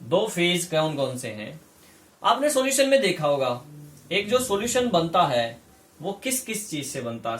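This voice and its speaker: A man's voice: high voice, fairly bright tone, reverberant, distant mic. A man giving a chemistry lecture, explaining step by step and repeating key terms as he checks that students follow. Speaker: chemistry teacher. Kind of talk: classroom lecture.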